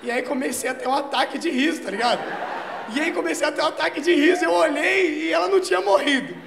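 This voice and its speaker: A young man doing a stand-up comedy set, slangy and profane, bursting into shouts. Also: extremely high pitch, fast, creaky, noisy background. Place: comedy stage before a live audience. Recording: roomy live club with crowd laughter.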